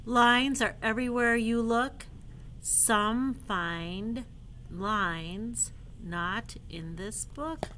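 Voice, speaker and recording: A woman reads picture books aloud to children in a soft, gentle manner. Her voice is high and her pace very slow. She often pauses to ask the listener questions. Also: slight background noise. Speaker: children's storyteller.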